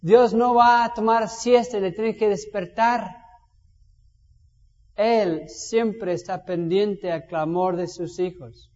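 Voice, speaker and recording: Male pastor, storytelling sermon, high voice, dull recording in a church hall with long reverb. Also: takes it slowly. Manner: lively storytelling, direct questions to listeners.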